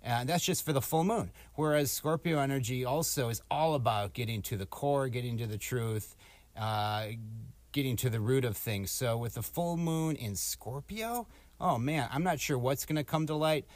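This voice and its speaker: A man's voice: mid-range voice, moderate pace, no room sound. Casual, rambling man podcasting, dry close sound. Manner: rambling, informal, musing. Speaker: podcast co-host giving astrology forecasts. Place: small closet at home, door slightly open.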